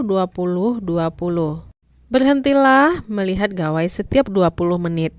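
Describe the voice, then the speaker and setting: A woman teacher, giving a scripted lesson to young children in a clear, instructive way. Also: medium pitch, no room sound.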